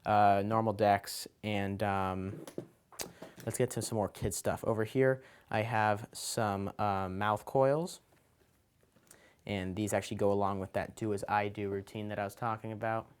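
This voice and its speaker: A man's voice: on the low side, little pitch movement, unhurried, smooth. A man talking casually as a children's magician, explaining his kit item by item in an informal, loosely improvised, hesitant way. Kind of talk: casual show-and-tell explanation.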